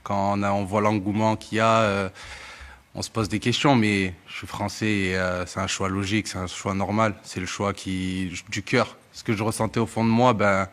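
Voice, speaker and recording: A man speaks at a press conference in a hesitant way, pausing and restarting often. His voice is low and flat, with little pitch movement. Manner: hesitant, many euhs and restarts. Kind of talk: unscripted press conference answer.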